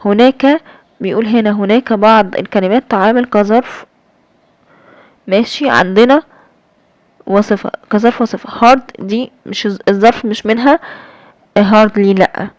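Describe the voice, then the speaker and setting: A woman's voice: medium pitch, normal speed, long pauses, no room sound, lo-fi sound. Egyptian woman teaching grammar, dry sound. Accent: Egyptian Arabic. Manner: explains step by step, with many fillers and check-ins. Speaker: English teacher. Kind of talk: explaining grammar in a recorded lesson.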